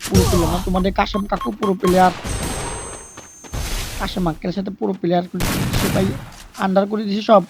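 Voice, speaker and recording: Gravelly, excitable gamer guy. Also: sits high, fast talker, long pauses, music in the background. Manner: excitable, shouts repeated commands, hypes himself up. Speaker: gamer streaming a shooter. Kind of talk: excited gameplay commentary. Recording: gunfire and game noise behind voice.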